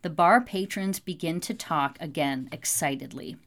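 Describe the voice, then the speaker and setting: A woman reading an audiobook in steady scripted narration. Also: deep voice, normal speed.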